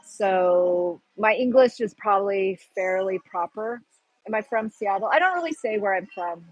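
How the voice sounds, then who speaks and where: A woman from the Pacific Northwest hosts a casual livestream chat, rambling while she hunts for words in her regional American accent. Her medium-pitched voice is expressive at normal speed, and the dull audio has no room sound.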